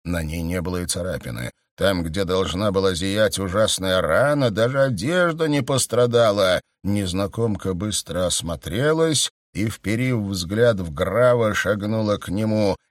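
A man narrating a fantasy audiobook in a steady, even storytelling manner. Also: sits low, measured pace, hardly any pauses, no echo, clean studio sound.

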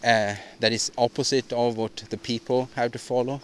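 A man's voice: mid-range voice, level tone, a little hiss or hum. Rambling man on a solo podcast. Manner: halting, rambling, frequent restarts and repeated words; opinionated, ranting delivery. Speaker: podcast host.

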